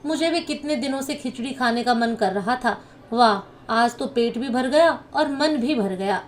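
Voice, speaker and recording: A woman's voice: a little high, moderate pace, natural voice. A woman voicing a cheerful young man of the house, pleased after a meal.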